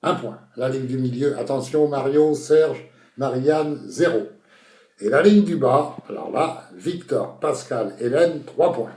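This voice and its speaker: A man's voice: medium pitch, a little slow, a little mellow. A man hosting a comic quiz show in a playful announcing manner, rejecting answers with mock seriousness. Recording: roomy echo.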